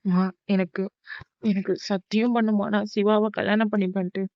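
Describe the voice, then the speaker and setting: A woman's voice: mid-range voice, flat delivery, normal speed, a little mellow, dry recording, muffled recording, lightly acted. A woman voicing a scheming middle-aged aunt who pleads and pushes emotionally. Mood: pleading. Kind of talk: cartoon voice acting.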